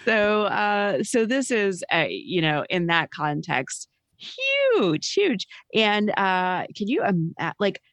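A woman reporter in a casual political podcast chat, wry and halting, with many fillers. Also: mid-range voice, animated, fairly bright tone, clean tone, no echo.

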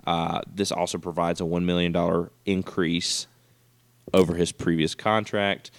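Man, low voice, dry close sound, casual sports co-host, loose restarts. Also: little pitch movement, measured pace, no room sound. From West Virginia fan. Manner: reads news items with fillers and restarts. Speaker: podcast co-host.

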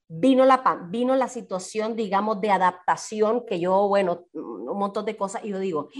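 A woman, a podcast guest telling her story in casual conversation and acting out her own past words. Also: mid-range voice.

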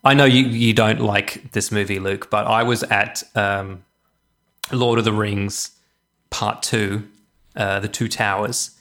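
A man's voice: fairly low pitch, fairly even intonation, takes it slowly, a bit bright. A middle-aged man chatting casually as a podcast co-host, his voice echoing in an unfurnished room. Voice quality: echoey sound. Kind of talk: casual chat. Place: indoors in an empty house with no furniture. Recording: echoey empty unfurnished room.

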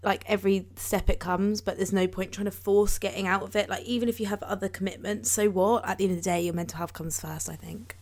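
This podcast co-host, a woman in her twenties, has a slightly mellow, medium-pitched voice with a steady tone. She speaks quickly with hardly any pauses, casually discussing emotions and growing up amid lots of fillers and laughs.

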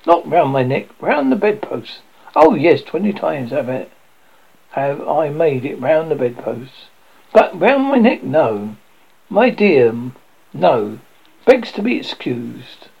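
A man's voice: fairly high pitch, big pitch swings, slow pace, gravelly, slightly rough, muffled recording, exaggerated voice. A man voicing a blustering, pompous middle-aged father who bursts out in exasperated, theatrical complaints.

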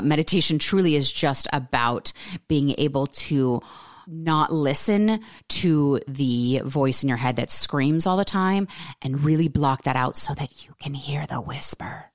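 A woman's voice: sits low, vocal fry, no echo, clean studio sound. A woman hosting a podcast, talking earnestly in a casual monologue full of rhetorical questions. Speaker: podcast host and coach.

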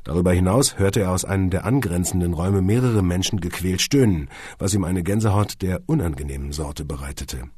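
A man reading an audiobook with wry, lively storytelling. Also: low voice, fairly quick, husky, dry recording, clean studio sound. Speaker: audiobook narrator.

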